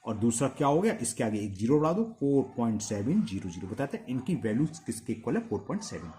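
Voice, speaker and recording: A man teaching a maths lesson, asking quick questions and answering them himself as he repeats each step. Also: medium pitch, big pitch swings, dark tone, a little hiss or hum. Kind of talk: blackboard-style maths lesson.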